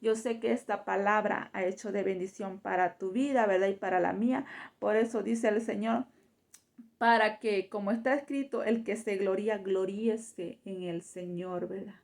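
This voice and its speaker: A woman's voice: mid-range voice, steady tone, normal speed, gravelly, a little mellow. A woman preaching a sermon fervently in Spanish, filling her phrases with repeated tag questions. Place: church.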